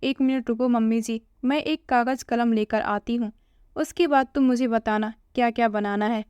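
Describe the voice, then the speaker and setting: A woman voicing a sharp-tongued young daughter-in-law with cutting, scornful retorts. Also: on the high side, steady tone, normal speed, smooth, no room sound, close to an everyday voice.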